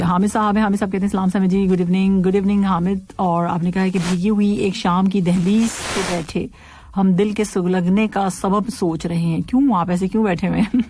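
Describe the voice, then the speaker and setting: A woman's voice: mid-range voice, warm tone, a little hiss or hum. A woman hosting an evening radio show, chatting casually, reading listener messages and poetry, and laughing often.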